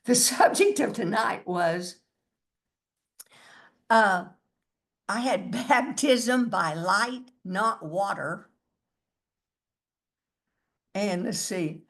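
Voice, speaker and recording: Slow-talking woman giving a spiritual talk. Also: medium pitch, a bit bright. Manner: slow, musing, chants mantras with laughs. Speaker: spiritual teacher.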